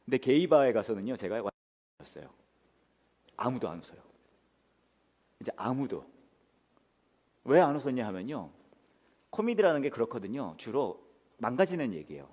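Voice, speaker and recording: A male pastor preaching a sermon, mixing comic stories with soft, hushed passages. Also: medium pitch, normal speed, pauses often, long reverb tail. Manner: animated, shifts from soft hushed tones to loud punchy storytelling.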